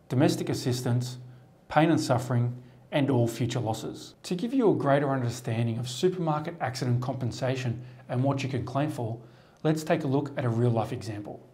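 An Australian man, a lawyer, giving a measured, formal scripted explainer to camera from a studio desk on a lapel mic. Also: medium pitch. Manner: measured, formal, steady delivery. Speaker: lawyer presenting a firm's explainer.

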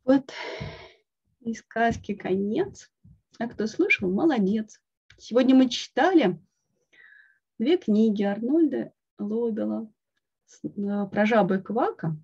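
A woman reading a picture book aloud to children with expressive, slow storytelling. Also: a little high, gravelly, husky. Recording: dull lo-fi online call.

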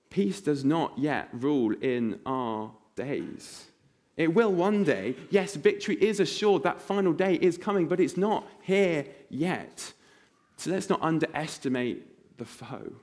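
A man preaching a sermon in church, telling vivid stories and acting out voices in a hushed tone. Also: a little high.

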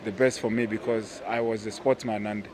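A man's voice: lowish voice, flat delivery, normal speed, background noise. A man in his thirties with a Ugandan accent, a goalkeeper answering interview questions hesitantly with many fillers, outdoors by a pool. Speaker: national team goalkeeper and captain. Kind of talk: casual interview. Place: outdoor poolside terrace. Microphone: handheld mic. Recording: outdoor ambience behind voice.

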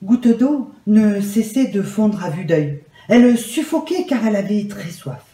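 A woman telling a children's story aloud in a calm, measured and soft way. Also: medium pitch. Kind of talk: gentle read-aloud storytelling. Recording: roomy echo.

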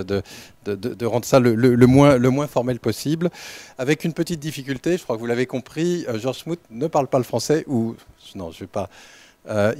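A man giving an unscripted welcome talk as director of a research lab, halting, with many fillers and restarts. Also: medium pitch, darkish tone, no echo. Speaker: lab director opening a training session.

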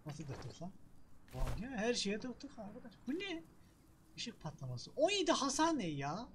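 Woman gamer, chatty self-talk, swears, pitch leaps around, noisy recording. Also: big pitch swings, normal speed. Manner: talks to herself, swears and jokes, yelps at hits. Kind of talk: casual let's-play commentary.

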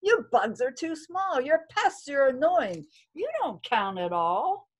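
Lady putting on mean snorty rhinos, bossy, kinda high and pushy. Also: sing-song, slow pace, heavily acted. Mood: scornful. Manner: sneering, scornful. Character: two rough, tough rude rhinos, bossy and mean.

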